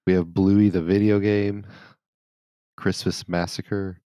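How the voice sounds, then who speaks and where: A man's voice: low voice, level tone, takes it slowly, mellow, smooth, no room sound. A man co-hosting a gaming podcast, reading a list of releases with dry joking asides. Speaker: podcast co-host.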